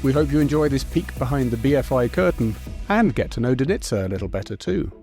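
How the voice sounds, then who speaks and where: A man reading a scripted podcast introduction in a measured, formal way. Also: mid-range voice, lively intonation, dark tone, soft background music. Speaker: podcast announcer.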